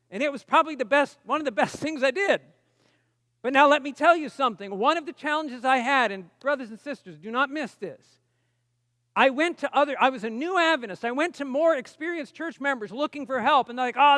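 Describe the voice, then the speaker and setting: Bright high-voiced male preacher. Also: lively intonation, fairly quick, no echo, clean studio sound, big-room sound. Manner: conversational, emphatic, asks the audience questions. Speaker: pastor. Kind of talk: camp meeting sermon.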